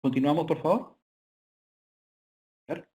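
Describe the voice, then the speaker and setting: Male lecturer with a slightly high voice, halting delivery full of filler sounds, presenting slides online. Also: dark tone. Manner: hesitant, frequent filler sounds.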